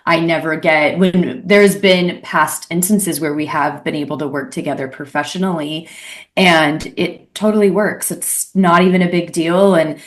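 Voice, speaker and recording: A woman's voice: low voice, steady tone, moderate pace. Gushing woman podcast co-host. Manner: gushing, effusive, rambling. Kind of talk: casual interview chat.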